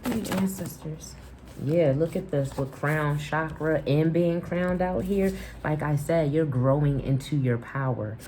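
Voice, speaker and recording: Low, mellow-voiced woman reading tarot to camera, reassuring and repetitive. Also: measured pace, hardly any pauses, a little hiss or hum. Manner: affirming, repeats herself, restarts with "and, and". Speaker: tarot reader.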